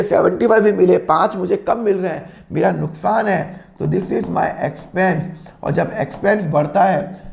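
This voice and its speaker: A man teaching accounting, with a slightly sore throat he keeps clearing, acting out both sides of made-up phone calls. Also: high voice, darkish tone. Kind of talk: classroom lesson with acted dialogues.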